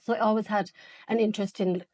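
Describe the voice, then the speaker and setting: A woman's voice: mid-range voice, fairly even intonation, fast talker, a little mellow, dry recording, clean studio sound. An Irish woman in her forties from Cork, a guest makeup artist chatting casually in an interview, with many likes and restarts. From Cork, Ireland. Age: 40s.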